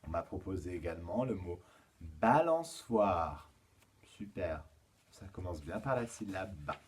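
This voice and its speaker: Low husky guy teaching little kids from home, slow patient counting, lots of euh and donc. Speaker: kindergarten teacher. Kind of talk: remote lesson for young children and parents.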